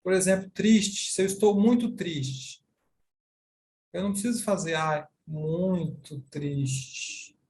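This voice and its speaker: A man with a Brazilian Portuguese accent teaching a sign language class, explaining deliberately with repeated examples. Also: sits high, darkish tone, a little hiss or hum.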